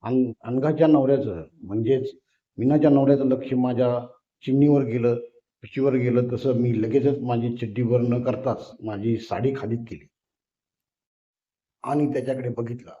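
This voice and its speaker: A man's voice: mid-range voice, fairly even intonation, moderate pace, mellow. A man narrating a story aloud in a woman's first person, reading steadily. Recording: roomy, dull lo-fi recording.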